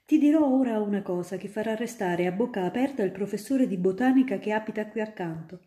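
A woman's voice: medium pitch, fairly quick, pitched above the performer's own voice, lightly acted. A woman voicing a kindly young male student who tells a little girl fanciful stories in a storybook reading. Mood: enthusiastic. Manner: animated storytelling. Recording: roomy echo.

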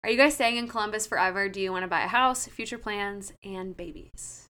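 Her voice is medium-pitched, brisk, pushed and bright as she co-hosts a casual podcast. She's a trainer in her late twenties who keeps up a chatty flow peppered with "like."

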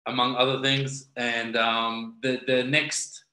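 A man with a New Zealand accent talks casually in an interview. His voice is bright and sharp with a clearly echoey room around it. He rambles, repeating phrases as he thinks. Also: mid-range voice, level tone, takes it slowly. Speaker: interview guest, professional wrestler.

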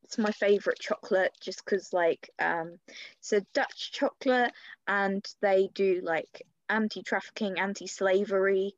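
A woman's voice: medium pitch, steady tone, measured pace, no echo. A young woman in her twenties co-hosting a casual podcast, chatty and playful, teasing her friend and laughing often. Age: 20s. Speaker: podcast co-host. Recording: slightly dull lo-fi sound.

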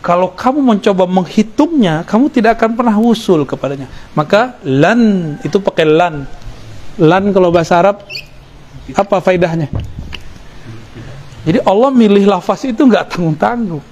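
Man giving a relaxed sufi lecture. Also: sits high, a little hiss or hum. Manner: relaxed, joking aside with listeners. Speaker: religious teacher. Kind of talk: sufi study-circle lecture.

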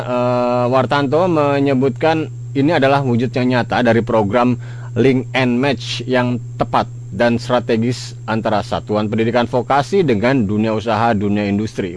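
A man presenting a live radio news bulletin in a halting, hesitant way. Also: mid-range voice. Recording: radio broadcast with clear hum noise.

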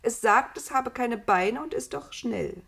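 A woman's voice: fairly high pitch, measured pace, gravelly, fairly bright tone, slightly rough, voice pushed up, full character voice. A woman voicing Eva, a curious, inventive young woman, in a storybook reading, eager and thoughtful. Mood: musing.

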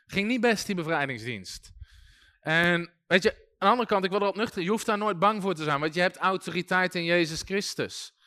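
A man teaching a sermon-style Bible school class, telling stories with lively voices for shouting demons and chuckling often. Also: high-pitched, brisk, no room sound, studio quality.

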